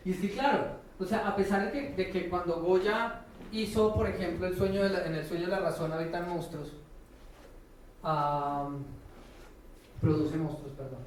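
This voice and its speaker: In a casual conference lecture, a Colombian professor speaks with irreverent, slangy informality and keeps checking in with brief tag questions. His voice sits high and moves at a normal speed. An echoey room, distant mic and faint noise mark the recording.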